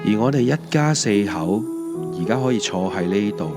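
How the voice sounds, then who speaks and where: Animated and speaking at a normal speed, a lowish-voiced man with a Hong Kong accent tells his scripted autobiographical audio drama in a wry, reflective way, backed by music beneath his voice.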